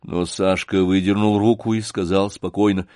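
A man narrating a story in a measured, expressive audiobook reading. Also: sits low, no echo, studio quality.

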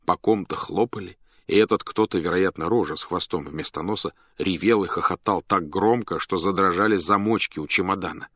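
A man reading a story aloud as narrator, in an animated, dramatic manner that speeds up and slows down. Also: sits low, dry recording, studio quality.

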